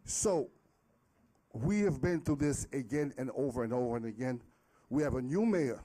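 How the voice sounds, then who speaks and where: A middle-aged man making an impromptu public comment as a resident, halting and repeating his words as he pleads. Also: mid-range voice, animated, warm tone. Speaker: resident and former city worker speaking at public comment.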